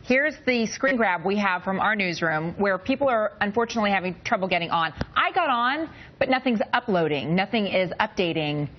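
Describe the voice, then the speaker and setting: A woman's voice: mid-range voice, expressive, brisk, hardly any pauses, highs cut off, slight background noise. An American woman newsreader giving live, loosely ad-libbed breaking news.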